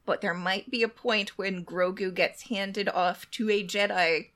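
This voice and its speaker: A woman co-hosting a casual chat, thoughtful and relaxed. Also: medium pitch, a little slow.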